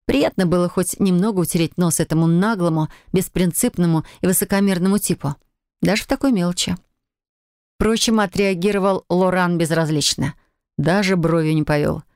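An audiobook narrator reading a first-person fantasy story with an ironic, expressive delivery. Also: medium pitch, a little fast, dry recording, clean studio sound.

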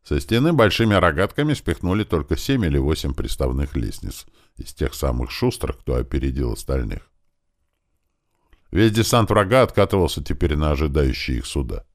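A man narrating an audiobook in a lively way, raising his voice for the characters' battle commands. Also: extremely low pitch, moderate pace.

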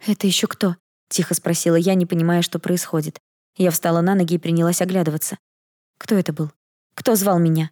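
A woman reading a first-person fantasy audiobook in a lively, expressive way. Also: on the low side, fairly quick, no room sound, clean studio sound. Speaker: audiobook narrator.

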